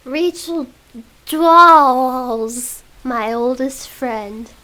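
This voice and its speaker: A woman whispering the part of a smooth, rich young playboy in a whispered role-play reading. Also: high-pitched, drawn-out words, pushed and bright, full character voice, low-quality recording. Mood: teasing.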